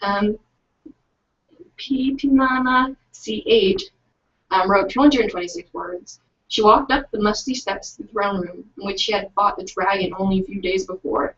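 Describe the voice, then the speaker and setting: A young woman co-hosting an online writing event in casual chat, excitable and playful. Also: mid-range voice, measured pace, distant mic. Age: young adult. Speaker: co-host of an online write-in. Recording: dull lo-fi stream audio.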